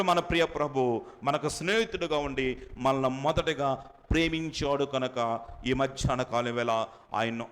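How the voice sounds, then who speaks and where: A male pastor preaching a sermon emphatically, repeating phrases and swinging between loud high bursts and soft low drops. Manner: emphatic preaching with sudden rises and drops in pitch and loudness. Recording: long hall reverb.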